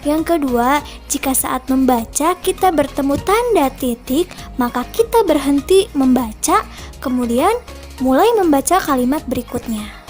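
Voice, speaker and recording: A woman teacher giving a lesson and then reading a story aloud, speaking clearly and deliberately. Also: sits high, lively intonation, faint music behind. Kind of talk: classroom lesson and storybook narration.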